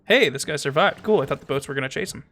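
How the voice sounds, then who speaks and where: A man streaming a strategy game, chatting casually, thinking aloud, talking to his chat, and sometimes reading game text aloud slowly. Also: a little high, animated, fairly bright tone, soft background music. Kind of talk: casual gameplay commentary.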